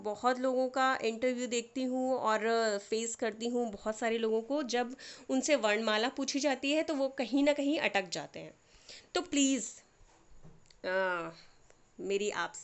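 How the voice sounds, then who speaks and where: A woman teaching a lesson who explains patiently, step by step, and keeps checking that everyone follows. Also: a little high. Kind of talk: classroom lesson.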